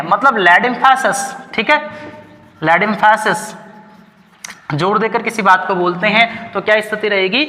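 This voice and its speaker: Bright-voiced Indian man teaching a lesson. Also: sits high. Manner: asks the class questions and answers them himself; keeps saying "ठीक है" between points. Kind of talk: classroom grammar lesson. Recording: long hall reverb.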